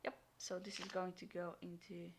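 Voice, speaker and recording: A woman vlogger unboxing and reviewing a military ration in casual talk, full of ums and sometimes dropping into a soft whisper. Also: lowish voice, level tone, moderate pace, noisy background. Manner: chatty, frequent ums, drops into soft whispers. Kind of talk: casual unboxing and taste test.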